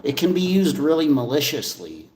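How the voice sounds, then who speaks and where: A man's voice: fairly high pitch, big pitch swings, moderate pace, darkish tone. A man in a casual livestream debate, talking informally and argumentatively, his voice echoing as if in a tunnel. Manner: informal, swearing, rambling argumentative talk. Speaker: streamer. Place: echoey indoor space. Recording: echoing room.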